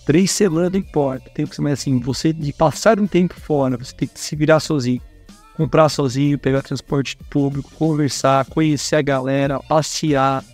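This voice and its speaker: A Brazilian man with a somewhat high voice speaks in a casual, eager way. He addresses young listeners directly and urges them on. Faint music plays underneath. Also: fairly even intonation, normal speed, darkish tone. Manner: enthusiastic, advising young people directly. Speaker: guest speaker at a career fair. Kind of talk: casual conversational talk.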